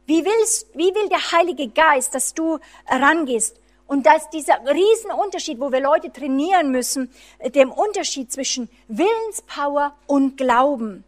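A woman preaching a charismatic sermon, fervent and unscripted, swinging between loud emphatic lines and hushed low ones, with many restarts. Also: lively intonation, unhurried. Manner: frequent restarts and fillers while preaching freely; acts out voices of the enemy and a distressed believer.

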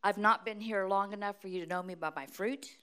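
A middle-aged American woman preaching at a conference in short, deliberate phrases, pausing for an interpreter. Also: mid-range voice, fairly even intonation, bright, forceful tone, smooth. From United States. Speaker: guest preacher.

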